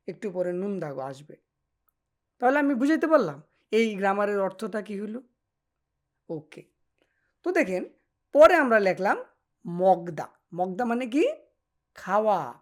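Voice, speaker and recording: A woman teaching Korean grammar, patiently repeating example phrases slowly. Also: mid-range voice. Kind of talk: explaining grammar to Bengali speakers.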